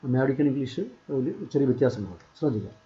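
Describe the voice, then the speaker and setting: A man's voice: mid-range voice, quick pace, dull audio. A man teaching English in a screen-share tutorial, repeating himself while he points things out on screen. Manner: repetitive, pointing out items on screen.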